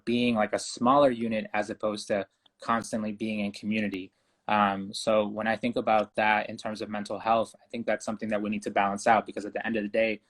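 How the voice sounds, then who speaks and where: A young man from Ecuador speaks as a guest in an interview, calm and earnest. His voice sits low and stays fairly even in pitch, unhurried and reflective. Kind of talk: conversational interview.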